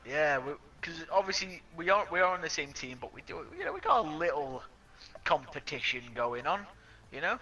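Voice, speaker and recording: A man's voice: on the high side, sing-song, normal speed, pushed and bright, highs cut off. A young man co-hosting a racing game video, easygoing and agreeable, laughing often. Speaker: co-op gaming partner. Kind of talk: casual racing game commentary.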